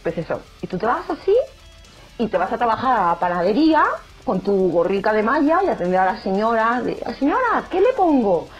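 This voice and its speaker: Talking to the camera in a relaxed, joking way, this young woman speaks at medium pitch and a little quickly. She's lively and does voices when quoting others, over slightly muffled sound with quiet background music.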